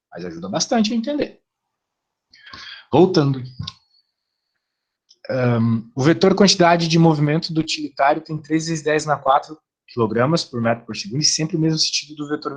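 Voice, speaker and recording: A middle-aged Brazilian man teaching an online physics class, chatty, asking his students rhetorical questions. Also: on the high side.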